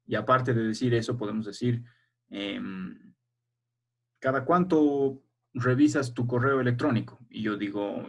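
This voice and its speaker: A man's voice: mid-range voice, husky. A man teaching a primary school language class over a video call, explaining patiently step by step and checking that the children follow.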